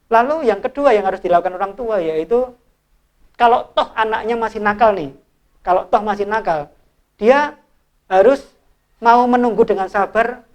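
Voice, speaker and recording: A middle-aged man, an evangelist, retelling a Bible parable in an informal, animated way as he draws lessons from it. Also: high voice, normal speed, pauses often. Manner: animated storyteller, informal, restarts and fillers. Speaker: evangelist and ministry leader. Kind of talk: sermon-style Bible storytelling in a discussion.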